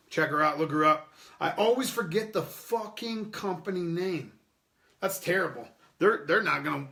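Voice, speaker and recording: A man's voice: on the high side, pushed and bright. A man hosting an unscripted podcast, rambling loosely and swearing as he chats with viewers and laughs often. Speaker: podcast host. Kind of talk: unscripted casual chat with live chat readers.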